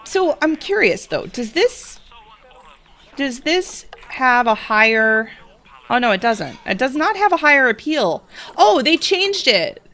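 A young woman giving casual let's play commentary, chatty and prone to excited gasps, talking to the animals in her game. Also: high-pitched, takes it slowly.

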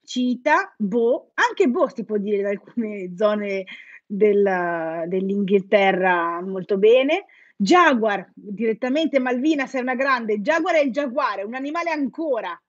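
Here a woman whose first language is Italian runs a live English quiz, kidding around with viewers in a teasing, playful way. Her mid-range voice is expressive and a bit slow, captured in a dry, dull, lo-fi live-stream recording.

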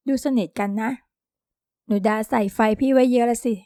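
A curt, stern young man in an audio novel, voiced by a woman reader. He clips his words into blunt refusals and dry teasing. The voice sits fairly high for a man and sounds close and dry. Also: fairly even intonation, moderate pace, dark tone, dry recording, lightly acted.

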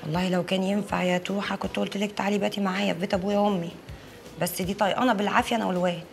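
A woman's voice: medium pitch, fairly even intonation, racing, creaky, faint music behind, close to an everyday voice. An actress with an Egyptian accent playing a blunt, nagging young woman friend.

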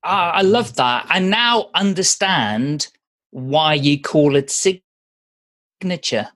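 A man co-hosting a podcast, chatting in a relaxed, agreeable manner. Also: a little high, slow. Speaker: podcast co-host. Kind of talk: casual podcast chat.

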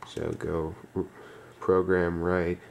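A man giving a step-by-step tutorial, dictating instructions in short, clipped fragments with pauses between them. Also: deep voice, level tone, creaky, darkish tone, a little hiss or hum. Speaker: tutorial presenter.

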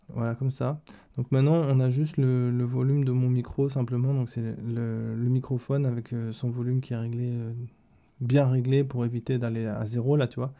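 A man hosting a step-by-step software tutorial, talking straight to the listener and walking through each setting. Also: mid-range voice, vocal fry. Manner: explains step by step, addresses the listener as "tu". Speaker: streaming tutorial host. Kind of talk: screen-recorded software tutorial.

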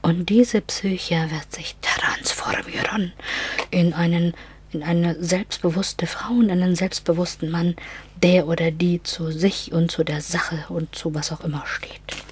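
Woman, casual astrology reading, often whispering, repeats herself, unhurried. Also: fairly low pitch, steady tone, slight background noise. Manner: repeats words, switches into English phrases. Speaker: astrology and card reader. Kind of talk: casual spiritual reading for an online audience.

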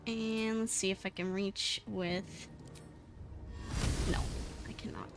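A woman's voice: mid-range voice, steady tone, slow. A woman streamer giving playful, chatty live gameplay commentary, swearing now and then and giggling at her own jokes. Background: game music.

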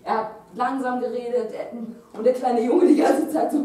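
A young woman spins an improvised funny story for a class, laughing often as she goes. Her voice sits high. The sound is very echoey and the mic is set well back from her. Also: level tone, normal speed, very noisy. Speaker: student storyteller. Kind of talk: improvised comic monologue. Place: classroom stage. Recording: echoey room, mic far off.

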